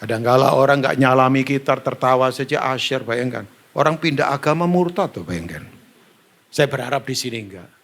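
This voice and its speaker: A middle-aged male pastor with an Indonesian accent and a brisk, mid-range voice preaches a storytelling sermon. He is animated and jokes throughout, acting out dialogue and talking to both the band and the congregation.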